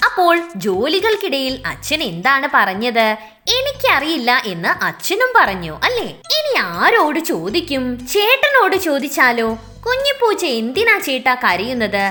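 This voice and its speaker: High, lively woman teaching young children. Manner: sing-song, questioning children with "alle?" tags. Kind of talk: lesson reading aloud for young children.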